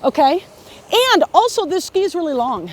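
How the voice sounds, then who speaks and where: This hands-on beginner ski lesson is recorded outside with faint noise in the background. The instructor, a woman with a high-pitched voice and lively intonation, speaks at a moderate pace, guiding encouragingly and frequently asking "okay?" or "right?"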